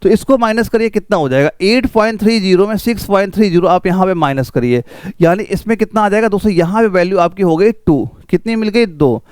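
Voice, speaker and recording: A man's voice: sits high, expressive, quick pace, a little mellow, smooth, no room sound. A man teaching an exam-prep math lesson, walking students through each step with repeated rhetorical questions.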